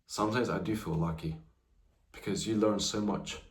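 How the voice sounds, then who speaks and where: A nineteen-year-old vlogger with a voice on the low side talks at normal speed in a steady tone, and the sound is roomy. He chats casually to camera about his life, drifting around and filling gaps with "you know."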